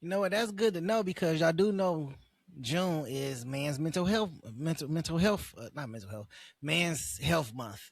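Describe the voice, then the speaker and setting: A man's voice: on the high side, animated, moderate pace, creaky, no room sound, studio quality. A man hosting a reaction video, commenting casually and emphatically in slangy, repetitive bursts.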